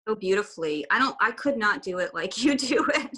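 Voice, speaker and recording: On a video call, a guest artist chats loosely, rambling and restarting now and then. German and Swiss German are her first languages, and her mid-range voice is animated, fairly quick, bright and forceful.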